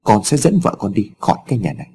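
A man's voice: lowish voice, sing-song, fast talker, warm tone. A man voicing a headstrong young son in a told story, speaking in a blunt, defiant way.

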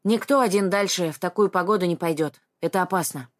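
A woman's voice: lowish voice, fast, natural voice. A woman voicing an honest, experienced male mountain hiker who speaks firmly and matter-of-factly. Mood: serious. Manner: firm, matter-of-fact.

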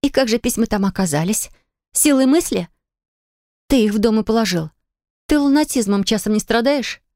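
A woman voicing an indignant, sarcastic young wife with a higher, ringing voice in an audiobook. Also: quick pace, darkish tone, dry recording, lightly acted. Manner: shrill, accusing, sarcastic. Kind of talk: audiobook character reading. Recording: dry studio sound.

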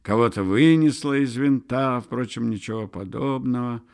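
A man narrating a literary audiobook in a measured, unhurried storytelling manner. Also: medium pitch, darkish tone.

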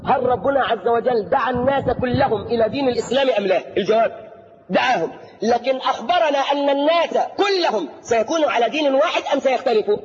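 A man with an Egyptian accent preaching a sermon. He mocks his opponents with shouted outbursts and asks rhetorical questions that leave the last word for the audience. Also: very high voice, quick pace. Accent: Egyptian Arabic. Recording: dull lo-fi tape in a reverberant hall.

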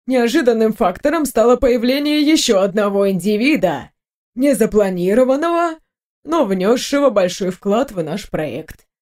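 A woman's voice: a little high, expressive, normal speed, darkish tone, close to an everyday voice. Woman reading a cold, formal lab report. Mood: detached. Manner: formal, detached.

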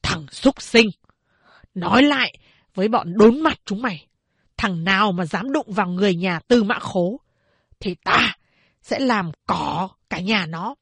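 A woman voicing a strong, stern man speaking in a grave, measured way. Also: mid-range voice, slightly rough, no room sound, exaggerated voice. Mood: threatening. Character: stern, strong man, grieving father and fugitive.

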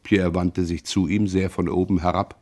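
A man reading a novel aloud in a measured, dramatic narration. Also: sits low, flat delivery, a little mellow. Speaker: audiobook reader. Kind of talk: literary reading.

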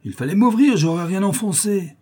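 A man's voice: medium pitch, moderate pace, a little mellow, voice pushed up, lightly acted. A man putting on a bellowing drunken brute. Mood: menacing. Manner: bellowing, threatening, slurred. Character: drunken lame brutish male neighbor.

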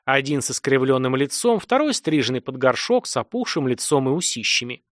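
Male audiobook narrator, animated delivery, dry booth. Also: mid-range voice, brisk, no room sound. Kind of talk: scripted dramatic narration.

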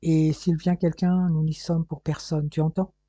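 A reader doing a hoarse furious old merchant. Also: mid-range voice, level tone, normal speed, dark tone, no echo, lightly acted. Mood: stern. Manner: menacing, growling. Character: old gem-merchant father, gruff and furious.

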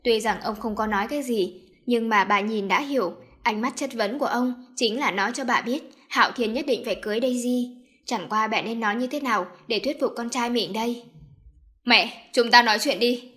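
A woman reading a story aloud with steady, even narration. Her voice sits a little high. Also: a little fast.

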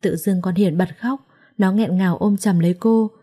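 Warm woman storyteller. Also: medium pitch, fairly even intonation, moderate pace, husky. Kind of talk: scripted story narration.

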